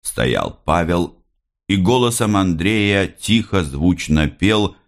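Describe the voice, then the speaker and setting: A man narrating a novel aloud in a measured, unhurried reading. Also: sits low, expressive. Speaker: audiobook reader. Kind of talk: scripted literary narration.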